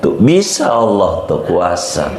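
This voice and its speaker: A man's voice: low voice, wildly swooping pitch, slow pace, creaky. A man from Banten, an Islamic cleric giving a chatty, joking religious lesson to a live audience. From Banten, Indonesia. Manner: jokey, chatty, repeats "begitu", chuckles often. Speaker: Islamic cleric teaching a study group. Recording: roomy hall recording with crowd.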